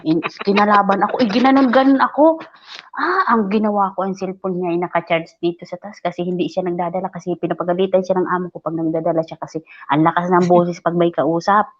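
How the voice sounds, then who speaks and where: A woman casually telling a story, animated, acting out what people said and laughing often. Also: quick pace. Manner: animated, acts out quoted lines in a higher voice, laughs often. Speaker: live stream guest telling a story. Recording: dull lo-fi live stream audio.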